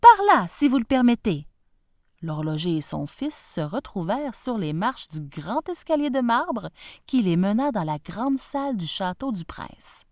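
A woman storyteller reads a storybook aloud in a gentle, expressive voice. She takes her time, and her pitch rises and falls with the tale. The sound is close and dry. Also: measured pace, no room sound.

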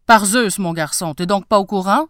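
A woman voicing a gruff old male sailor in a storybook reading, blunt and loud. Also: medium pitch, normal speed, dry recording, clean studio sound, close to an everyday voice.

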